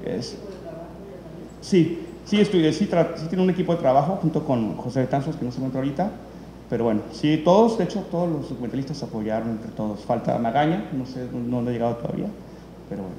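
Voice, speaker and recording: A man with an animated, mellow, mid-range voice talks quickly while presenting documentaries at an event. He isn't working from a script, so he rambles and keeps restarting and using fillers, and the recording has the echo and faint noise of a hall.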